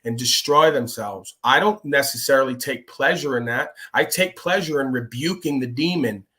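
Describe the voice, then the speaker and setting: A man's voice: medium pitch, moderate pace, bright, forceful tone. A man hosting a livestream who rambles on in a profane, sermon-like way about ego and spirit. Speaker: livestream host. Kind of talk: rambling preachy monologue.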